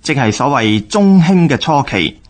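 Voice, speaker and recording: Formal, measured historical narration for radio comes from a man with a Hong Kong Cantonese accent. His pitch is medium and his delivery sing-song, following a script.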